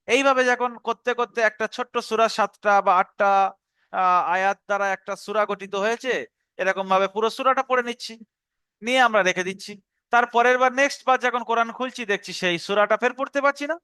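A man's voice: sits high, pushed and bright, clean tone, no room sound. A man teaching an online lesson, explaining step by step and often repeating his instructions. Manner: explanatory, repeats instructions, slows to recite verses. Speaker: Quran teacher.

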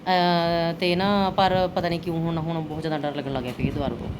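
A woman's voice: on the low side, steady tone, quick pace. A middle-aged woman with a Punjabi accent chatting casually to her viewers about daily life, often putting questions to them. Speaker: vlogger mother. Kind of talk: casual daily-routine vlog chat to viewers. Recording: clearly noisy everyday vlog recording.

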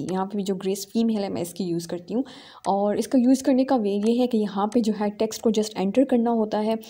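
A woman hosting a screen-recorded software tutorial, explaining each step with small fillers. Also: medium pitch. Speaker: tutorial host.

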